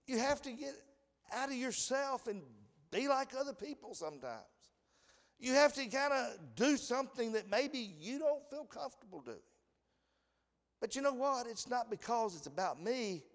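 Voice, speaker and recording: An American man preaching a sermon, animated, often laughing and reading scripture aloud in a raised voice. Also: very high-pitched, gravelly. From United States. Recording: long hall reverb.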